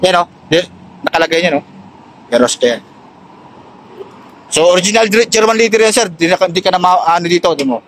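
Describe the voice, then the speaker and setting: In a noisy spot full of vehicle sounds, a Filipino motorcycle accessories seller and vlogger casually shows products to a customer and viewers. His high-pitched, fairly bright voice has lively intonation and a brisk pace with frequent pauses, and he often addresses the customer respectfully.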